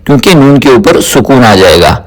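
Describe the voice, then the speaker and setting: A man teaching tajweed word by word, slowly explaining rules and repeating each word several times in a chanted recitation. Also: medium pitch, very animated. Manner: spoken explanation alternating with melodic chanted recitation. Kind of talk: word-by-word tajweed pronunciation lesson.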